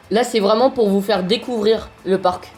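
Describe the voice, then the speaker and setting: A woman giving casual gameplay commentary, chatty and hesitant, filling pauses with lots of fillers. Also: medium pitch, darkish tone.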